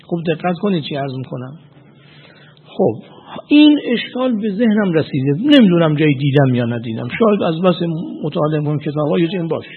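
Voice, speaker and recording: A man teaching jurisprudence in a lecture, arguing deliberately and putting questions to his students. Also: a little high, very animated, breathy edge. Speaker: seminary teacher of Islamic jurisprudence. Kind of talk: lecture on legal theory. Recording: tinny phone-like sound with long reverb.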